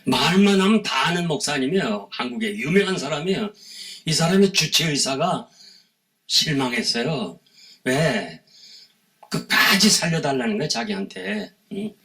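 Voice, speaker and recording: A male pastor preaching to a room of fellow ministers, his gravelly, fry-edged voice carrying lively stories. He acts out the words of the people in his anecdotes and keeps calling out to his listeners for a response. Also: on the high side, moderate pace. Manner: animated storytelling, acting out quoted dialogue; calls out to the audience for response. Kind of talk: seminar sermon to pastors.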